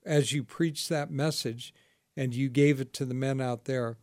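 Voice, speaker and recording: A man's voice: mid-range voice, fairly even intonation, unhurried, darkish tone, no echo, studio quality. A man hosting a ministry talk show as pastor, asking questions, telling stories and laughing often. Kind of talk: casual ministry interview.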